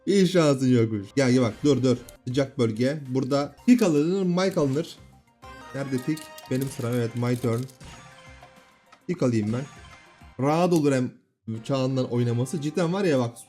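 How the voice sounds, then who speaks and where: A man in his thirties at home giving casual gameplay commentary, bantering and often shouting at his kids. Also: medium pitch, normal speed, faint music behind. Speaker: gaming YouTuber and father. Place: home room.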